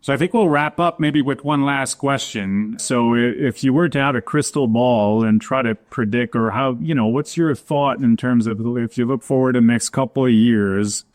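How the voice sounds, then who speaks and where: A man hosting a podcast interview, asking relaxed questions and searching for words as he goes. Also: mid-range voice, moderate pace, hardly any pauses, dry recording. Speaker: podcast host.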